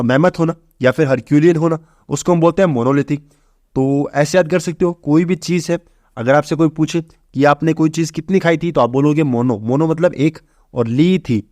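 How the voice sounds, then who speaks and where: A young man teaching exam vocabulary, briskly asking and answering his own questions. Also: a little high, a little mellow, no room sound, clean studio sound. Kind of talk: exam-prep vocabulary lesson.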